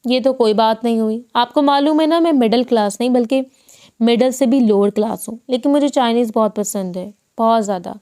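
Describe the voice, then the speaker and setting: A woman's voice: on the high side, mellow, smooth, lightly acted. A woman voicing a caring, cheerful young wife in an audiobook. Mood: playful. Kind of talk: audiobook dialogue.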